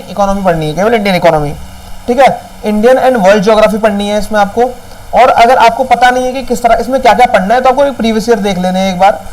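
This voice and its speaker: A man's voice: sits high, darkish tone, a little hiss or hum, low-quality recording. A man coaching exam candidates in a casual step-by-step tutorial, often checking in with the viewer. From India. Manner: talks directly to viewers, explains step by step, checks in with "ठीक है?".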